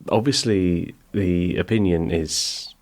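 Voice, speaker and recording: A middle-aged podcast host speaks slowly in a deep, slightly mellow voice. He chats casually and rambles with self-deprecating jokes, sitting in the small home-built pub in his garden outbuilding.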